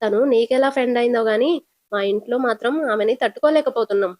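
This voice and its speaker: A woman's voice: fairly high pitch, fast, darkish tone, dry recording, studio quality, close to an everyday voice. A woman telling it as a blunt teasing cab driver. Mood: prying. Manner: teasing, probing questions.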